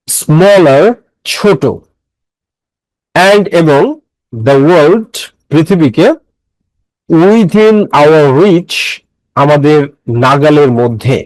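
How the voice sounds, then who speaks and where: A man with a fairly high, slightly mellow voice teaches an English grammar class lecture, explaining step by step, repeating phrases, and quizzing students while mixing English words into his speech. The recording is rough, with no room sound.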